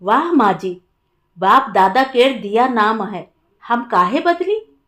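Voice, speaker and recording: A woman voicing a stubborn young male village servant, speaking rustic dialect in a higher, slow voice. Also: animated, a bit bright.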